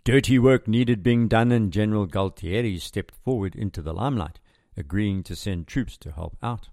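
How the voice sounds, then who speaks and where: Male, low-pitched, scripted storytelling narration, wry and sardonic, dry studio-like sound. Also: normal speed, a little mellow, dry recording. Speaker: history podcast host and narrator.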